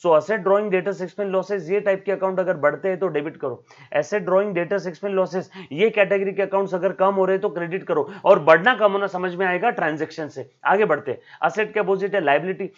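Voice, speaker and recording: A man's voice: high voice, moderate pace, muffled recording. A man teaching accounting in a recorded video lecture, switching between Hindi and English terms, calling his students "my child" and checking in with "yes or no?". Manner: calls students "beta" and "my child", asks "yes or no?".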